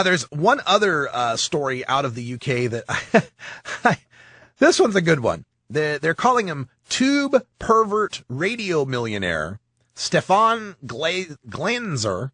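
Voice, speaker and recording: A man's voice: medium pitch, a bit bright, husky, no echo, clean studio sound. A man hosting a podcast, rambling and joking through news stories with frequent laughs. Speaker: podcast host. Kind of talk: casual news commentary.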